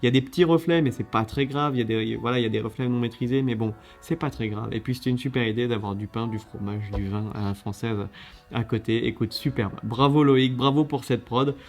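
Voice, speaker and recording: A man hosting a casual video, judging contest entries in a lively, chatty way with many fillers and restarts. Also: mid-range voice, brisk, soft background music.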